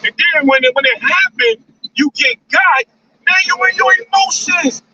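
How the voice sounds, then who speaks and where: Man, very high pitch, bright and cutting, emphatic and preachy livestream host, dull lo-fi sound from a distance. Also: huge pitch swings, normal speed, vocal fry. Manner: emphatic, repetitive, lecturing, ends lines with "man". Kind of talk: casual livestream talk.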